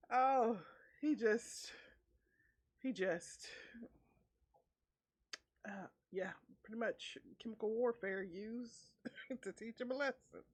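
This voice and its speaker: A woman's voice: medium pitch, slightly rough. A woman streamer reading an online story aloud with her own commentary, laughing often between lines. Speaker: VTuber streamer.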